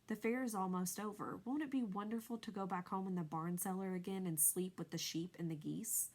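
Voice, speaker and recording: A woman voicing a young male pig who is earnest and easily panicked, reading a storybook aloud with a high, pleading tone. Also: fairly even intonation, a little fast, darkish tone, natural voice.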